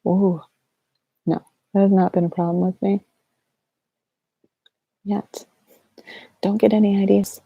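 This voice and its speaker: A sleep-deprived woman chatting softly and casually as an ASMR livestream host, in a halting, low-energy, rambling way. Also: fairly even intonation, creaky, breathy edge, no room sound, narrow, tinny audio. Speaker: ASMR artist hosting a livestream Q&A.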